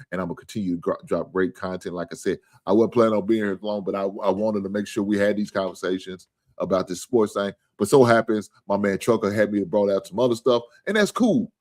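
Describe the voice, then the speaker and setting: A man's voice: fairly low pitch, darkish tone. A man hosting a live sports stream in casual, profane talk, earnest and repetitive.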